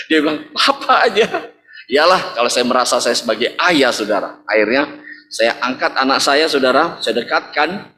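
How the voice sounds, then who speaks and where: Bright-voiced pastor, lively storyteller. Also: male voice. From Indonesia. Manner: storytelling, acts out dialogue with swings in pitch. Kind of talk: sermon.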